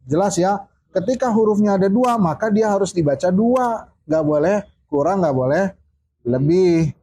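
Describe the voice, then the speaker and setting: Husky high-voiced male religious teacher. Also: lively intonation, mellow. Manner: drawls out recitation examples slowly, often checks understanding, jokes with students. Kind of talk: casual study-circle teaching.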